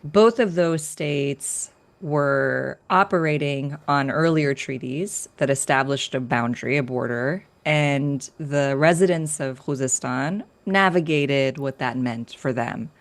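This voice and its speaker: Woman w a really low voice, calm clear explainer in an interview. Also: takes it slowly, few pauses. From Northern California. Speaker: guest author. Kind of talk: academic interview.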